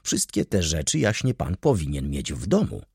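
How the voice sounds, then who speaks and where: A man puts on a self-important male servant who orders everyone about. The voice sits low and husky, with a lively, rising and falling delivery. The recording is close and dry. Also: normal speed, no room sound, exaggerated voice. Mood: haughty. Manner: haughty, condescending, commanding. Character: pompous, bossy male valet, self-important.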